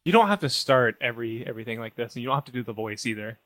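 A man's voice: medium pitch, expressive, rapid-fire, fairly bright tone, no room sound. A man co-hosting a comedy podcast, bantering playfully in an improvised sketch. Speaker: podcast co-host.

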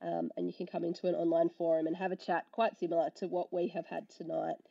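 A woman, husky and hoarse from illness, chatting casually as a podcast host. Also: on the low side, little pitch movement, quick pace, dark tone, highs cut off. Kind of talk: casual chat.

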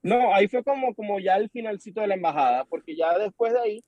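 A young Venezuelan man with a Venezuelan accent, chatting as a podcast guest and telling an animated story while acting out the dialogue. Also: high-pitched, fast, dry recording. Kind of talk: casual chat. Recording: dull lo-fi sound.

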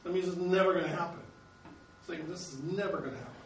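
A man's voice: on the high side, fast, a little hiss or hum. An American man teaching an adult Sunday school Bible lesson, explaining points step by step and chuckling at his own slips. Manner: explanatory, self-correcting, chuckles at himself. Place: church classroom. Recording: echoey room, mic at a distance.

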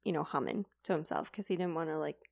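Chatty woman with a gravelly edge. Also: low-pitched, fast, darkish tone. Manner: chatty, filler-heavy, lots of "like". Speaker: podcast co-host retelling a classic story. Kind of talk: casual chat retelling.

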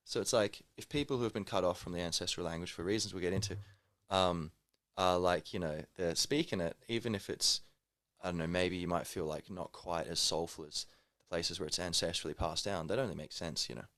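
Casting: male podcast co-host, creaky low voice, thoughtful and rambling, conversational. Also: fairly quick, hardly any pauses, fairly bright tone, dry recording, studio quality. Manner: rambling, thoughtful, peppered with like and you know. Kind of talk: casual conversation.

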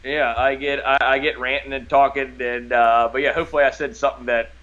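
Bright-voiced man with a rural hillbilly twang. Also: medium pitch, little pitch movement, dull audio. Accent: rural American hillbilly twang. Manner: folksy, halting, loosely rambling. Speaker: podcast guest, lifelong fisherman. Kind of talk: casual, rambling conversation.

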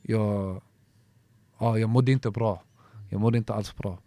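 A man's voice: on the low side, fairly even intonation, mellow, no echo. Känslosam man som berättar med omstarter. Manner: emotional storytelling, halting with many restarts and fillers. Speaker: MMA fighter guest. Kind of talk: casual podcast conversation.

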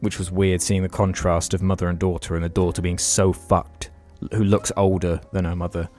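A man's voice: low voice, little pitch movement, normal speed, mellow, faint music behind. A young man, telling a long story in casual podcast chat and swearing freely. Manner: rambling storytelling, heavy swearing. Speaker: podcast co-host.

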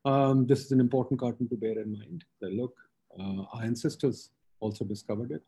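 A man's voice: mid-range voice, fairly quick, mellow, breathy edge. A man with a Pakistani accent hosting a webinar, presenting informally with slides in short, emphatic statements. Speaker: webinar host.

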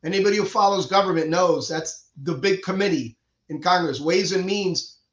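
Speaking at a moderate pace in a high, somewhat bright voice, a middle-aged Cuban surgeon lays out his opinions in earnest during a conversational interview. He keeps restarting his sentences. The room sounds echoey and the audio is dull and lo-fi.

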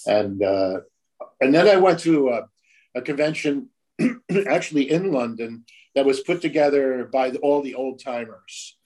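A man's voice: mid-range voice, lively intonation, measured pace, a little mellow, low-quality recording. An older man, a tattoo artist, telling stories in a casual, profane way and acting out the voices of the people in them. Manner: profane, acts out quoted voices. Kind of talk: casual storytelling.

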